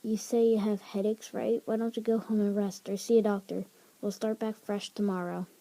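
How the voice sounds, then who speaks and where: A woman's voice: mid-range voice, level tone, moderate pace, mellow, natural voice, poor audio. A woman reading as a firm shop manager. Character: stern female coffee shop manager.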